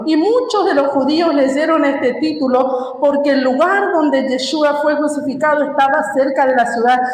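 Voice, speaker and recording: A woman's voice: high-pitched, slight background noise. A woman preaching a sermon, emphatic and asking her listeners questions as she teaches. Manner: emphatic, asks the congregation questions. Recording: echoey hall reverb.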